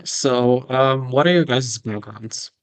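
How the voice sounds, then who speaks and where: A young man hosts a relaxed conversation and asks his guests easy questions. His voice sits at a medium pitch. He talks loosely, with plenty of fillers. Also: slow pace, smooth. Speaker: host, interviewer. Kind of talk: casual conversation.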